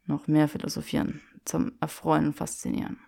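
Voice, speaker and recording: A woman voicing a lovestruck young wizard, speaking low and wry. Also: monotone, a little fast, gravelly, warm tone, exaggerated voice. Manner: murmured, wry.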